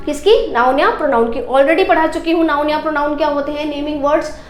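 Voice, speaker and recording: A woman's voice: sits high, darkish tone, reverberant. A woman teacher giving a grammar lesson, explaining step by step and asking questions she answers herself.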